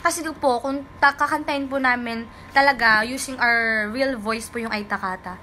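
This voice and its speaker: High bright-voiced young woman chatting. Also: moderate pace, a little hiss or hum, poor audio. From Philippines. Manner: polite, chatty, reads out fan comments. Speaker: idol livestreaming to fans. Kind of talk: casual livestream chat.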